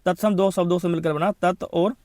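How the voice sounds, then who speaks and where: A man's voice: high-pitched, fairly even intonation, a little mellow, no echo, studio quality. A man giving an exam-prep grammar lesson, rattling off word lists and checking in often. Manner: lists words rapidly, repeats "thik hai" as a check-in. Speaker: Hindi grammar teacher.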